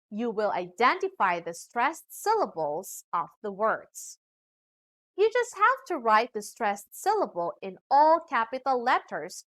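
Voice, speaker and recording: Lively woman teacher. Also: a little high. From Philippines. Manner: upbeat, with emphatic sing-song stress on key words. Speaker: English teacher. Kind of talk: scripted virtual lesson.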